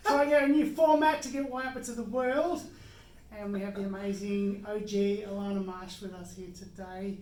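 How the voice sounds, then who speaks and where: A woman's voice: mid-range voice, fairly even intonation, normal speed, a little mellow, slight background noise. Upbeat Australian woman host, echoey room. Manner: upbeat, hesitant, many fillers. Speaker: podcast host. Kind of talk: casual conversation. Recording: echoey room, mic at a distance.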